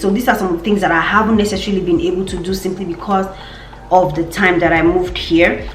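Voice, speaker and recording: A woman's voice: mid-range voice, echoey room, slight background noise. A young woman with a Nigerian accent, chatting casually in a vlog update and repeating words for emphasis. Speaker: vlogger.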